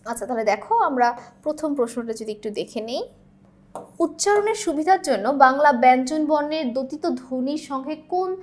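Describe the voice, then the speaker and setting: A young woman with a high, light voice teaches a lesson. She explains each point patiently and keeps checking whether her students follow. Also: fairly quick. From Bangladesh. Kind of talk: classroom lesson explaining exam questions.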